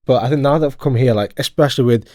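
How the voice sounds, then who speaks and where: A man's voice: mid-range voice, rapid-fire, a little mellow, no echo. Young man hosting, dry close sound. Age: young adult. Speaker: podcast host, music student. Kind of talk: casual interview chat.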